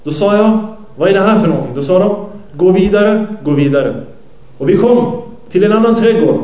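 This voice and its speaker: A man whose mellow voice sits high delivers a sermon recounting a hadith. He translates live and corrects himself mid-story, captured in a roomy, low-quality recording.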